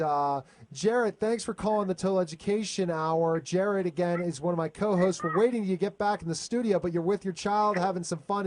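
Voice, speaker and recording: A man's voice: sits high, darkish tone. A man hosting an education talk show, restarting his sentences often as he hands off questions. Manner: stammering restarts. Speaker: host.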